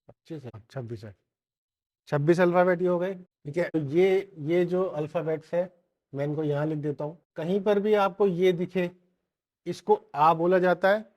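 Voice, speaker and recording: A man teaching an online language lesson, slowly repeating each sound several times for his learners. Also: fairly high pitch, a little mellow.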